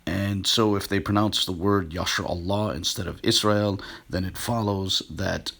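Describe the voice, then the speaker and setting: A man giving a measured, scholarly walkthrough of sources shown on screen. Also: sits low, fairly even intonation, vocal fry, noisy background. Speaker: video essayist on biblical words. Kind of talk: screen-share explanation.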